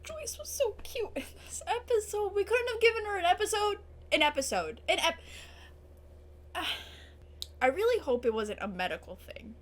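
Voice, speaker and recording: A woman's voice: extremely high pitch, big pitch swings, moderate pace. A young woman hosting a TV reaction video, emotional and tearful, gasping, swearing and laughing through her upset. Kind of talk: episode reaction commentary.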